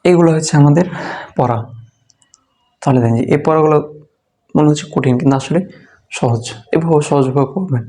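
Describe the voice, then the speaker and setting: A man teaching beginners to read, slowly and patiently repeating letter sounds in a drilled lesson. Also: on the high side, mellow, a little hiss or hum. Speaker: Quran reading teacher.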